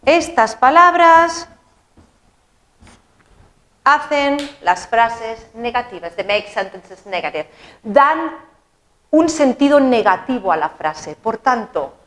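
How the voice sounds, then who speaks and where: Woman teacher, animated and playful, slow pace, pitch leaps all over. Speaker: English teacher. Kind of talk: explaining English grammar.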